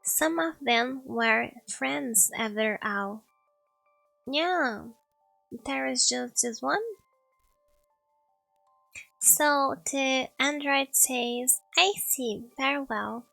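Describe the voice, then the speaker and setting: A woman's voice: sits high, drawn-out words, vocal fry, long pauses, pushed and bright, dry recording, soft background music, low-quality recording. A woman streaming a story game, chatting casually and reading its text aloud, giggling and tripping over words. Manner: giggly, trips over words and laughs at herself.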